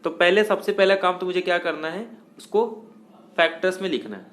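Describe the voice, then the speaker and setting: A man with a fairly high voice teaches math in a patient, step-by-step lecture. He poses questions to the class and answers them himself, mixing English terms into his speech. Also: a little fast, fairly bright tone, slight background noise. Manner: explains step by step, asks and answers own questions.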